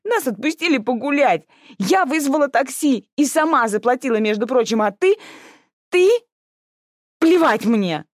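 A bratty sixteen-year-old girl, voiced by a woman reading the book, whining and squealing in high, leaping tones. She talks back and throws tantrums, her voice jumping well above the reader's own. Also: animated, normal speed, darkish tone, dry recording, clean studio sound. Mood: sobbing tantrum. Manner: petulant, shrill outbursts.

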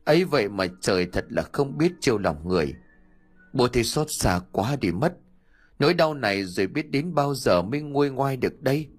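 A man's voice: medium pitch, lively intonation, normal speed, natural voice. A man voicing a sly older father-in-law who fakes grief with theatrical, trembling pleas, in an audio story. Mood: trembling sorrow.

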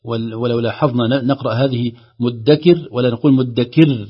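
A man teaching the rules of Quran recitation, speaking slowly and repeating words to show how they are pronounced. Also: mid-range voice, steady tone, husky, dull audio. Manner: slow, deliberate, repeats words to demonstrate pronunciation.

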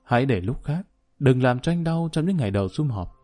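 A man voicing a weary, guilt-ridden middle-aged wife who speaks softly and pleadingly. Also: medium pitch, animated, fairly quick, soft background music, close to an everyday voice. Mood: tender, pleading.

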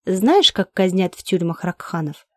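A woman voicing a cold, cruel male alien interrogator who speaks slowly and evenly, reading an audiobook. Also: on the low side, sing-song, darkish tone, no echo. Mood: menacing. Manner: slow, level, menacing delivery. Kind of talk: audiobook character voice.

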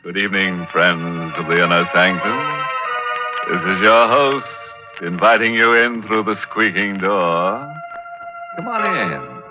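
Slow, ghoulish vintage horror narrator. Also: male voice, sits low, lively intonation. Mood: sardonic, ghoulish. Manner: macabre joking, mock-friendly. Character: ghoulish, sardonic male host of a horror show. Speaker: host of a radio horror series. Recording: old tinny radio recording with music.

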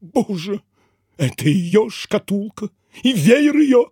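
A man's voice: lowish voice, huge pitch swings, unhurried, vocal fry, a bit bright, breathy edge, dry recording, clean studio sound, voice pushed down, exaggerated voice. A man voicing a scheming con man who fakes a wronged husband in a melodramatic, wailing, theatrical way.

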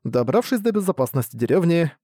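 Steady male audiobook narrator, dry sound. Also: a little high, fast, no room sound. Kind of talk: scripted narration.

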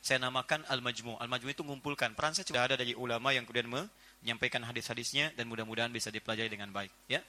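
A man giving a lively sermon as a preacher, joking and acting out small household scenes. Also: mid-range voice, rapid-fire. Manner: animated, jokey, acts out little household scenes. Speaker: Islamic preacher. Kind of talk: lively sermon to a live audience.

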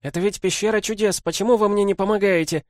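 A man voicing a fierce, desperate young village girl in a storybook reading, speaking high and urgently. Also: steady tone, fast talker, no room sound, studio quality, lightly acted. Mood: pleading shout.

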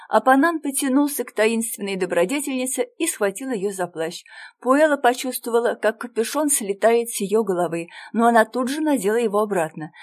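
A woman narrating a storybook in a measured, dramatic reading. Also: fairly high pitch.

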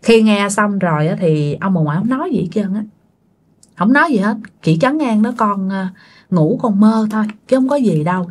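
A woman, hosting and narrating a ghost story casually, talking straight to her listeners. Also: mid-range voice. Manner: chatty, addresses listeners directly. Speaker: storytelling channel host.

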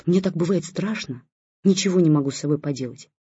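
Doting new father, anxious and cooing, read by the audiobook narrator, mellow tone, husky edge. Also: medium pitch, quick pace, dry recording. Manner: cooing, soft and fussing. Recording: dull lo-fi recording.

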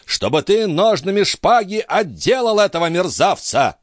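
A man's voice: mid-range voice, sing-song, normal speed, no echo, studio quality, voice pushed up, lightly acted. Man playing a roaring old baron. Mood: raging. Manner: roaring, raging. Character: old hot-tempered nobleman, furious father.

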